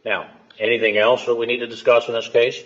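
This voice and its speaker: An American man speaking as a judge, stern and lecturing, with halting pauses, questioning and admonishing in a courtroom. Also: medium pitch, little pitch movement. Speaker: judge presiding over a hearing. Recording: muffled courtroom audio.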